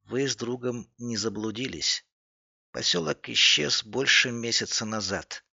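A man voicing a steady middle-aged official who talks in a calm, measured, serious way, with a gravelly voice. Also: medium pitch, highs cut off, full character voice.

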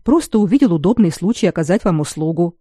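A reader voicing a foreign male commoner and spy who speaks quietly, carefully and deferentially in an audiobook. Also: mid-range voice, lively intonation, fast talker, slightly rough, no echo, studio quality. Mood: guarded. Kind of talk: audiobook character reading.

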